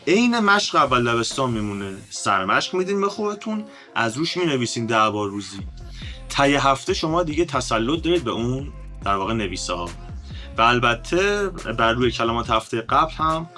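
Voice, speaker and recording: Lively bright-voiced male teacher. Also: medium pitch, faint music behind. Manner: lively explaining, addresses viewers as friends, stretches out letter sounds. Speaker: teacher of an ancient script. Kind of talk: online lesson.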